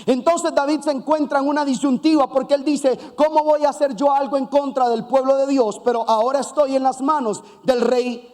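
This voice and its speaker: A man preaching a sermon, telling a Bible story with lively asides and acted-out voices. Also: extremely high pitch, fairly quick, few pauses, in a large hall. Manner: animated storytelling with playful asides; acts out voices of biblical figures.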